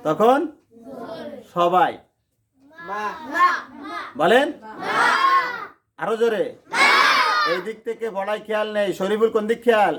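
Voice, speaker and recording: A Quran teacher, slowly drilling a class on letter sounds and urging them to repeat louder. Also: mid-range voice. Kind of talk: classroom lesson on letter pronunciation. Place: noisy classroom with students. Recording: noisy classroom with crowd chatter.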